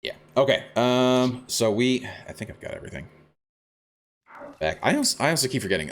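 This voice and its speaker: Young man, low voice, casual stream chat, lots of ums and restarts. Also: a bit bright, a little hiss or hum. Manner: chatty, reads chat aloud, frequent fillers and restarts.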